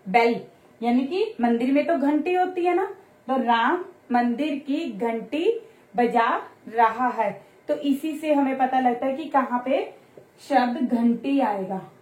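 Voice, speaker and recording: A woman teacher explains grammar to young children in a friendly, encouraging way. Her voice sits high and light, and she stretches out example words so the kids can follow. The recording carries a noticeable room echo. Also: a little mellow. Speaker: Hindi teacher. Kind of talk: online grammar lesson for children. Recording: roomy echo.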